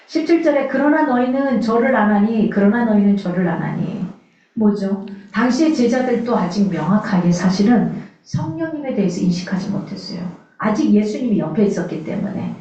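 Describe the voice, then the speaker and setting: A woman pastor from the far south of Korea preaches in a mellow, darkish voice, talking straight to her listeners with questions. She sounds far from the mic in a very echoey church sanctuary. The recording is dull and muffled. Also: medium pitch. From South Korea, Suncheon in Jeolla. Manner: earnest, conversational preaching with rhetorical questions. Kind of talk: sermon.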